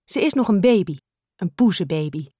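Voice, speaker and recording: A woman voicing a gentle, protective young girl in a storybook. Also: mid-range voice, lively intonation, normal speed, slightly rough, dry recording, clean studio sound.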